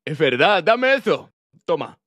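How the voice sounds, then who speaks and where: A man's voice: a little high, sing-song, measured pace, fairly bright tone, dry recording, pitched below the performer's own voice, full character voice. A man playing a clueless, bumbling father in a comedy sketch, with exaggerated comic delivery. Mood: goofy. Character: clueless bumbling dad, middle-aged man. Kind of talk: sketch comedy role-play.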